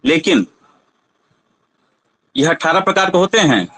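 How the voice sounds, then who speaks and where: Casting: man, teacher, high unhurried voice, patient and questioning, dry close recording. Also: sing-song, bright, forceful tone, no room sound, poor audio. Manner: patient, asks students to try sounds aloud. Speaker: Sanskrit teacher. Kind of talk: classroom lesson on pronunciation.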